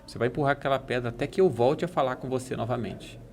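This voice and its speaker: A fatherly, solemn God speaks slowly and gently in a Brazilian Portuguese accent, handing out a mission in a told parable, put on by a man in his own voice. There is faint noise behind him. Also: mid-range voice, gravelly, natural voice. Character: God, a calm fatherly male voice from above.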